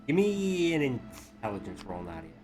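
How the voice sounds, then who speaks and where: A man working as game master, improvising tabletop game narration in a halting way. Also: mid-range voice, huge pitch swings, over music. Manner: halting, piecing descriptions together.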